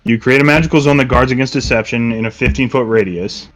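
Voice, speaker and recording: A man's voice: mid-range voice, fast, fairly bright tone, soft background music. Casual young man running a tabletop game. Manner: casual, reads rules aloud. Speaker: game master.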